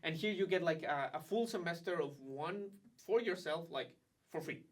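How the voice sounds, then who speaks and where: A man, a graduate student ambassador, talking in a casual, animated, chatty way with lots of fillers. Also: fairly high pitch, moderate pace, distant mic. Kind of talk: casual conversation.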